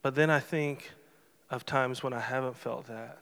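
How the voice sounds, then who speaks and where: A man's voice: mid-range voice, steady tone, normal speed, creaky, a bit bright, clean tone. A middle-aged man speaking at a church service, closing it with an earnest, emotional, personal talk. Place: church sanctuary. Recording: long hall reverb in a sanctuary.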